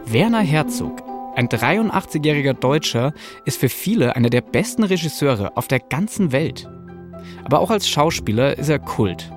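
A man's voice: on the high side, very animated, moderate pace, faint music behind. A man hosting a podcast, delivering scripted narration with casual asides and informal slang peppered with English loanwords. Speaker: podcast host, journalist.

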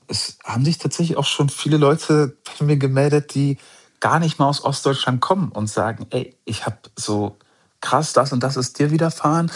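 Husky-voiced man, reflective and casual. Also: medium pitch. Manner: reflective, searching, casual fillers like "halt" and "ey krass". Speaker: author and journalist, interview guest. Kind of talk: conversational interview.

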